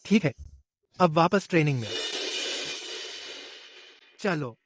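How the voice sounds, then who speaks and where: A man voicing a calm young army commander who dotes on his wife in a dubbed drama. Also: a little high, slow, faint music behind. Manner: calm and indulgent. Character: steady young army commander, devoted husband.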